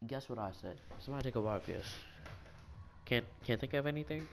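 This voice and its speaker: A young man telling a childhood story in a rambling, animated, self-mocking way, with lots of restarts. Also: medium pitch, a little fast, vocal fry, slight background noise. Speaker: gaming video storyteller.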